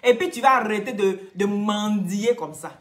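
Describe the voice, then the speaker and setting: On her live stream, a woman from Cameroon speaks at a moderate pace in a mid-range voice, the room reverberant. Her Cameroonian French accent carries a mocking, scolding tone as she repeats herself and bursts into laughter.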